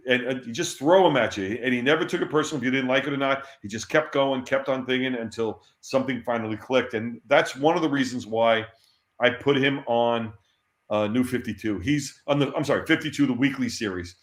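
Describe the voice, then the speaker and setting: Animated man telling stories in a roomy space. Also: mid-range voice, a little fast. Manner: animated, laughs often, repeats words when excited. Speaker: interview guest, former comics editor. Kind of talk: casual anecdotal storytelling. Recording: roomy echo.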